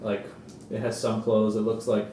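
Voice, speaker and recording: A man narrating a tabletop game as game master, describing scenes in halting, filler-heavy improvised speech. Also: lowish voice, completely flat delivery, dark tone, reverberant, recorded from a distance, a little hiss or hum.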